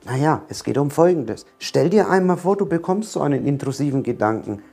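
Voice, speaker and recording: A man's voice: on the high side, animated, brisk, vocal fry, a little mellow, faint music behind. A man giving a direct-to-camera coaching talk on anxiety, emphatic, repeating key words and firing rhetorical questions at the viewer.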